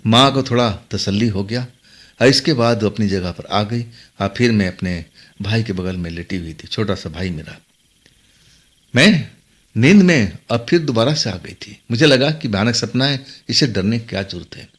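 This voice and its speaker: A man's voice: lowish voice, expressive, moderate pace. A man narrating a horror story in the first person, dramatic and tense.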